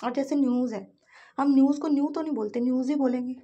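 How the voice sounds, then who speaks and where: A woman's voice: high voice, mellow. Woman teaching grammar in Hindi. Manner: explains slowly, asks and answers her own questions; reads English examples slowly. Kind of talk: Hindi-English grammar lesson.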